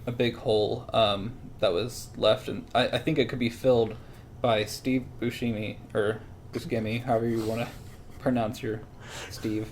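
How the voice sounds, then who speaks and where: A man's voice: medium pitch, level tone, normal speed, slight background noise. A man hosting a film podcast, playful and giggly, often stumbling over his words. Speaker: podcast host. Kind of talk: casual film podcast chat.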